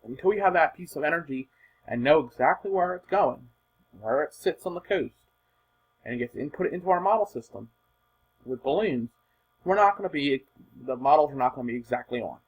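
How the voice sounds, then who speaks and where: In an unscripted, informal commentary on weather models, a man with a husky, rough-edged voice riffs on the forecast, fairly quick and expressive. He stresses points with big pitch movement, coming across as an emphatic, repetitive casual forecaster, and the recording is muffled.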